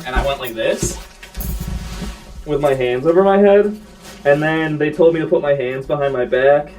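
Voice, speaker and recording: A young man giving casual interview testimony about a raid, rambling with many fillers and acting out the shouted lines. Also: mid-range voice. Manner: rambling, filler-heavy, acts out shouted quotes. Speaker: raid eyewitness.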